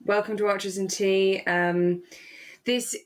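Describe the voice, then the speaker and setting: A British woman co-hosts a podcast over a remote call from home, chatting casually while wording things informally and carefully. Her voice is medium-pitched with little pitch movement, and she speaks unhurriedly.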